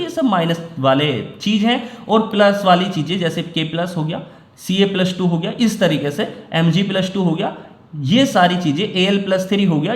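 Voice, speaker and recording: Male chemistry tutor, high voice, patient self-questioning lecture style, roomy echo. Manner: explains step by step, often asks and answers his own questions. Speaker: chemistry teacher. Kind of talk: classroom lecture.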